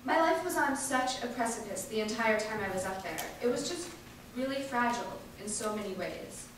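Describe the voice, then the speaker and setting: This medium-pitched woman delivers an activist's first-person testimony as a dramatic reading, emphatic and earnest, pausing deliberately. A distant microphone in a big indoor venue picks up an echoey hall and a little background noise.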